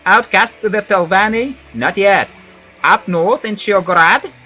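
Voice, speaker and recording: A man's voice: sits high, measured pace, pushed and bright, highs cut off, faint music behind, pitched above the performer's own voice, heavily acted. A man voicing a chatty, nervous wood elf commoner from a video game in a perky, gossipy christmas elf manner. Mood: warning, gossipy. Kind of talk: video game character read aloud.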